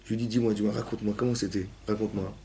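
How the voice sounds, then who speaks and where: A man teaching a lively class to young women, asking questions and acting out cries and quotes. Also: fairly low pitch, racing, slight background noise. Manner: animated, asks questions, acts out cries and quotes. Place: synagogue hall with young women students.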